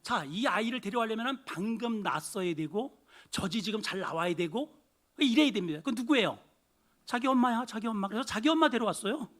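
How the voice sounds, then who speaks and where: Korean pastor guy preaching, high lively voice, goes loud then drops to a whisper. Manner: dramatic, swings from loud exclaiming to hushed asides, acts out voices. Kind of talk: sermon. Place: church sanctuary.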